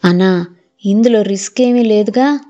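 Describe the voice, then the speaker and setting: A woman reading as a poor village father, worried for his child, talks slowly and timidly, pleading in a soft-edged register. The sound is muffled and lo-fi, with faint music under the voice. This is a storybook audiobook voice. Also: high-pitched.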